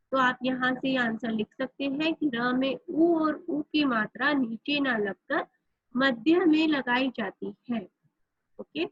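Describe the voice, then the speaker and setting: A woman's voice: sits high, breathy edge, no echo, dull audio. A woman teacher who explains a grammar lesson step by step, spelling out words letter by letter. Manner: explains step by step, often says "theek hai".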